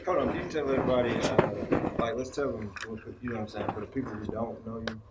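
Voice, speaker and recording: A man's voice: mid-range voice, steady tone, fast, heavy background noise. A young man hosting a casual interview, laid-back and full of filler phrases. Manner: laid-back, keeps saying "you know what I'm saying". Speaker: host. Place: small indoor studio set.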